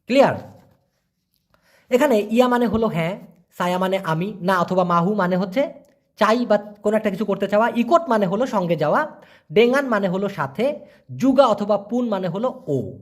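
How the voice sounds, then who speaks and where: A language teacher from Bangladesh speaks. The teacher gives an online lesson at a medium pitch and says each example phrase slowly several times. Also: expressive.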